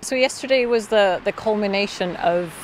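Interviewed outdoors at a camp, a woman activist and camp organiser earnestly explains a protest, her mid-range voice moving at a moderate pace with many ums and restarts. Faint outdoor noise sits in the background.

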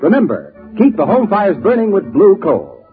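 Man, old radio announcer, American accent, dramatic formal delivery, lively swooping pitch, muffled vintage broadcast, faint music. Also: moderate pace. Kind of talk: old-time 1940s radio announcing, scripted.

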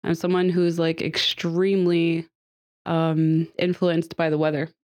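Seated at a table with her guests, this podcast host talks in a chatty, upbeat way, full of fillers and light laughter. Her fairly low, level voice moves a little slowly and is a little mellow, slightly nasal from a cold she's recovering from.

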